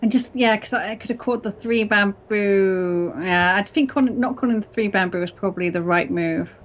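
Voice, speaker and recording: A woman's voice: medium pitch, moderate pace. A woman co-hosting a live mahjong stream, casually thinking aloud about her moves. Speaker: co-host and player on a mahjong stream. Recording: slightly dull, muffled stream audio.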